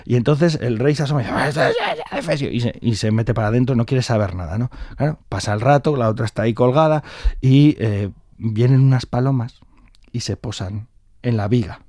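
A middle-aged male storyteller tells an oral folk tale in a lively, chatty manner. His voice is mellow and dark, and it is recorded close and dry. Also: medium pitch, fairly quick, no room sound. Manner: lively, conversational.

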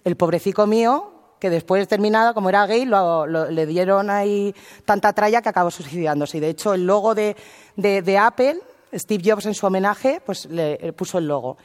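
A woman's voice: mid-range voice, normal speed. A woman, a linguist chatting colloquially to an audience and asking them questions. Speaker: linguist speaker. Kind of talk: casual talk to an audience. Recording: reverberant hall.

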